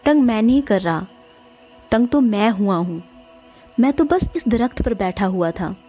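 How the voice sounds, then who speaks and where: A woman's voice: mid-range voice, lively intonation, a little slow, warm tone. A woman voicing a menacing male tree spirit that has possessed an aunt, speaking in a taunting, threatening way, with faint music behind.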